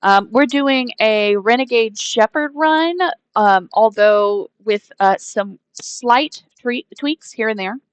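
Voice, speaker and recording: A woman's voice: on the high side, takes it slowly, clean tone, no echo, low-quality recording. A woman hosting a casual gaming live stream, hesitant and rambling, often trailing off mid-thought. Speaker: game streamer, host.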